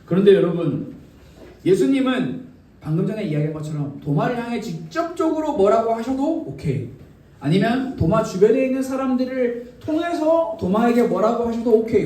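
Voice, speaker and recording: A man preaching a children's sermon in a church, telling the story in an animated way and acting out the lines he quotes. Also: sits high, a little hiss or hum. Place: church sanctuary. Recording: echoey church hall from a distance.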